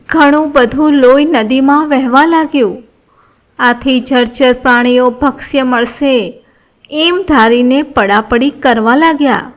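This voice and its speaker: A woman with a Gujarati accent reading a devotional scripture story in an even, measured way. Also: high-pitched. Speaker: narrator.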